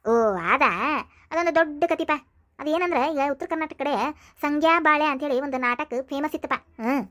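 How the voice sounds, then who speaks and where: Brief: a woman playing a chatty cartoon village mom, proud of her thieving sons, high-pitched. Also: normal speed, a bit bright. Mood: storytelling. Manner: chatty, rambling, prodding with "aa?". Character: fussy middle-aged mother of thieving sons. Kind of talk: cartoon voice acting.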